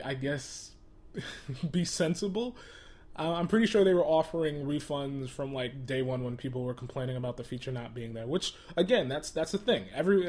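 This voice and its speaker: A man's voice: fairly high pitch, a little mellow. A man hosting a casual gaming commentary video, exasperated, often laughing and stumbling over repeated words.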